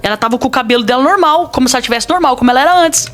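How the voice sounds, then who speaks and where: A woman's voice: sits high, rapid-fire, a bit bright, soft background music. A woman pastor with a Brazilian accent, telling a personal testimony in a podcast interview in an earnest, dramatic way. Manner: earnest, dramatic storytelling with quoted dialogue.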